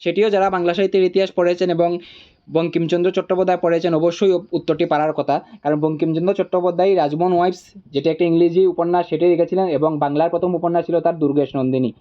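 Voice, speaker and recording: A man tutor walking through exam answers, repeating each option deliberately. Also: on the high side, steady tone, dark tone, muffled recording.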